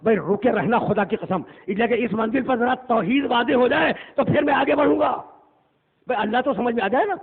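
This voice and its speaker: A man delivering an impassioned religious sermon in a mourning hall, swinging between loud declaiming and low murmurs and reciting scripture. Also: gravelly, breathy edge. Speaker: Shia cleric delivering a majlis. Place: imambargah hall. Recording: tinny phone-like lo-fi recording.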